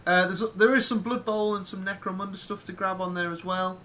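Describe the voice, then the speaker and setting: A man's voice: high-pitched, fairly even intonation, fairly quick, bright, forceful tone, slight background noise. A man hosting a casual live chat, rambling with plenty of ums and restarts. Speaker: podcast host.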